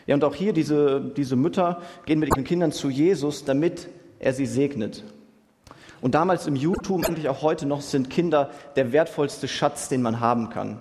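A man's voice: fairly high pitch, normal speed, noisy background. A young man preaching a sermon in a casual, youthful way, using slang words and asking his listeners "right?" again and again. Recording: long hall reverb.

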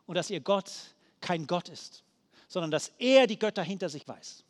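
A male pastor preaching a sermon in an impassioned way, swelling to loud calls. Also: high voice, lively intonation, normal speed, long reverb tail.

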